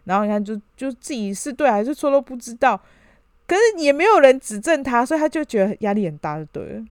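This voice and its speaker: A woman co-host tells a story quickly and animatedly, full of fillers. The recording is dry and close, with no room sound. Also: fairly high pitch, smooth, no room sound. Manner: animated retelling with many fillers. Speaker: podcast co-host. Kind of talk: casual conversational storytelling.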